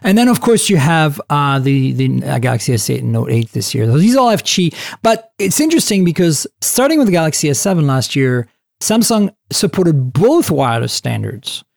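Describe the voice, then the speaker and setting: A man hosting a casual tech podcast, talking in an animated, chatty way with lots of fillers and restarts. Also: fairly high pitch, moderate pace, vocal fry, no room sound. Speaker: podcast host.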